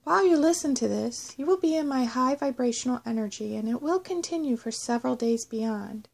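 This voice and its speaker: A woman narrating a scripted guided meditation in a measured, instructional way. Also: fairly high pitch, expressive, vocal fry, darkish tone. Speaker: host of a guided self-love meditation audio.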